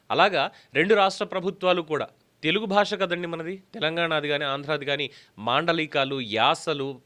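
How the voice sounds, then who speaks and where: A man's voice: fairly high pitch, sharp tone. A man delivering an opinion commentary, arguing emphatically with rhetorical questions. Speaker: political commentator.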